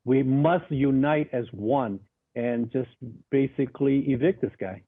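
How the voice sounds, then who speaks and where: Answering bluntly and with emphasis, a male guest speaks in a mid-range voice at a measured pace, often repeating words as a sentence gets going. The remote line is tinny and phone-like.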